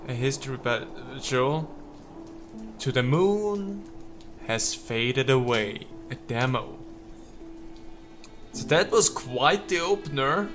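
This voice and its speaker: A man with a fairly high, slightly bright voice gives casual, playful let's play commentary. He slips into theatrical readings of the game text and talks to the characters.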